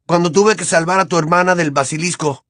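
A man voicing a stubborn, desperate teenage boy wizard who shouts in heated defiance. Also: fairly high pitch, fast, no echo, studio quality, voice pushed up, natural voice. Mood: angry, insistent.

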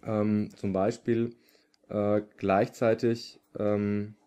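Hesitant man with a dark voice giving a lecture. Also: fairly low pitch, level tone, extremely slow, clean tone. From Upper Palatinate, Germany. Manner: hesitant, many filler sounds. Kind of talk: public lecture.

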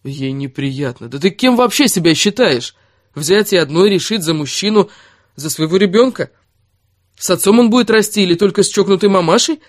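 A man voicing a blunt, exasperated young man in an audiobook, scolding and sometimes going cold and flat. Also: a little high, normal speed, no room sound, studio quality, natural voice. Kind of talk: audiobook character reading.

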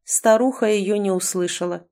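A woman narrating a story in a steady, scripted storytelling delivery. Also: mid-range voice, moderate pace. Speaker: audiobook narrator.

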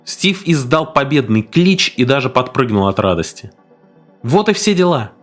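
A male storyteller reading with expressive, lively intonation that rises and falls freely. His delivery is dramatic and scripted, with faint music playing underneath. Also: mid-range voice, moderate pace. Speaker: audiobook narrator.

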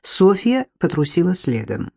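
A woman reading a comic novel aloud as an audiobook narrator, in a lively, expressive way. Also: fairly low pitch, a little slow, breathy edge. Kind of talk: scripted narration.

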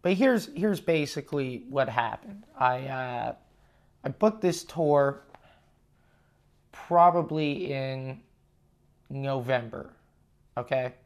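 Guy podcasting solo, slow and halting, mid pitch, swears a lot, echoey condo room. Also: lively intonation. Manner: rambling, halting, frequently swearing. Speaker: podcast host and touring stand-up comedian. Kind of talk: casual solo podcast monologue. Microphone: lavalier plugged into portable recorder. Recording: echoey room picked up on lav mic.

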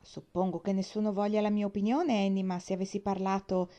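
A woman's voice: medium pitch, level tone, fairly quick, close to an everyday voice. Woman playing a stern disapproving old aunt. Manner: disapproving, sharp. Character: stern strict elderly aunt.

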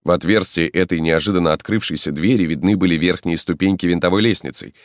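Deep-voiced man reading a novel aloud. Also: quick pace, no echo, studio quality. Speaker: audiobook narrator. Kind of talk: scripted narration.

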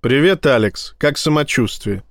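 A blustering, foul-mouthed police vice-admiral, put on by a man reading aloud, snapping and yelling in a raised, strained voice. The delivery is dry and close, with no room around it. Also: medium pitch, lively intonation, measured pace, no echo. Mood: agitated. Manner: loud, agitated, cursing outbursts. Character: hot-tempered swearing male police vice-admiral.

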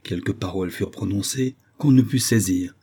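A man narrating an audiobook in a measured, expressive reading. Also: deep voice, slightly rough.

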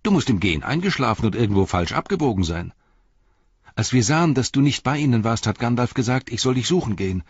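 A man reading aloud and voicing an eager, worried young male hobbit in a higher, quicker voice. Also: big pitch swings, breathy edge, no room sound, dull audio. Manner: quick, raised and anxious.

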